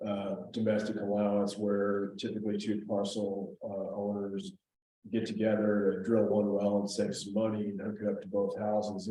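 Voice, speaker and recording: A man's voice: fairly low pitch, warm tone, a little hiss or hum. A man from a water office explaining procedures to a board in a public meeting, in an explanatory, procedural way. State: talking with gum in mouth. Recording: echoey meeting room from far off.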